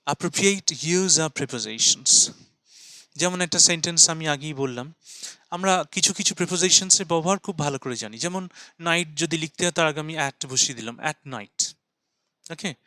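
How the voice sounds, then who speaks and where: Male English teacher for a lecture video, bright and fairly high voice, poses and answers his own questions, dry sound. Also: no room sound. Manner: explains in Bengali, reads English lines slowly and deliberately. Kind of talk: video lesson explaining writing.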